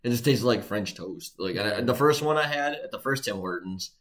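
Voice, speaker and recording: A man co-hosting a podcast in casual chat, laid-back and chiming in with quick agreements. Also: on the low side, a bit bright. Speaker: podcast co-host.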